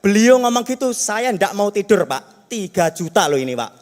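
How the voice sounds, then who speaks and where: Javanese guy doing a stand-up set, pretty high voice, chatty and self-mocking, big echoey hall. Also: very animated, normal speed, a little mellow. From Java, Indonesia. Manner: chatty, self-mocking, keeps addressing the audience. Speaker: stand-up comedian. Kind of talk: stand-up comedy routine. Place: stage in a large hall. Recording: long hall reverb.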